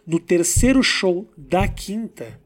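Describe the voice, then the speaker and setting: A man with a notably high-pitched voice chats casually with a fellow comedian. He speaks slowly and deliberately, letting pauses do the work. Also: sing-song. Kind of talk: casual interview chat.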